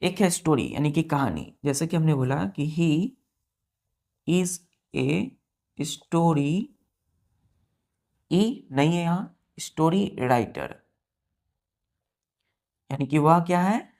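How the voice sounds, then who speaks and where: A woman's voice: deep voice, lively intonation, slow, vocal fry, pauses often, a little mellow. A woman with an Indian accent teaching vocabulary in a patient classroom manner, spelling words letter by letter and checking that the students follow.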